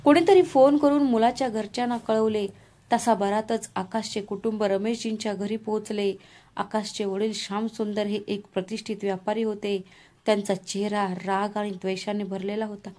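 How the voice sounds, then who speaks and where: A woman narrating a scripted family drama in a steady, dramatic storytelling manner. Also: mid-range voice, moderate pace.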